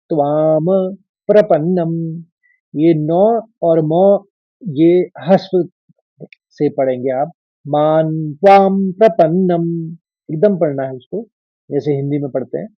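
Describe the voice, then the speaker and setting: A man leads a recitation lesson, chanting scripture in a drawn-out, raised voice before he drops into quick, quiet explanations of each syllable. His voice sits fairly high and moves at an unhurried pace overall. The recording is dry and a little dull, with no room sound. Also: no echo. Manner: chants verses slowly and loudly, then explains pronunciation quickly and quietly. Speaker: Sanskrit recitation teacher.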